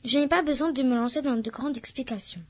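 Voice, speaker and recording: A woman's voice: high voice, quick pace. A woman reading a novel excerpt aloud in French, carefully and unhurriedly, lifting her voice for the quoted lines. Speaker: reader.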